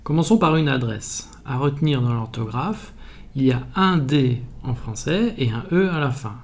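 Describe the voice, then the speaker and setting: A man calmly explaining spelling in a video lesson, methodical and even. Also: medium pitch, normal speed. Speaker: French language teacher.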